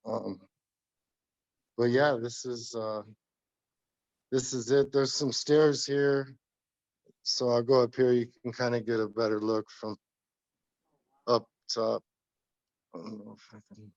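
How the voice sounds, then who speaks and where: A man with a slightly hoarse voice, talking casually and haltingly as a tile installer walking someone through his work. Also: mid-range voice, steady tone, a little mellow, dull audio. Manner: hesitant, halting. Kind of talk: casual informal walkthrough talk.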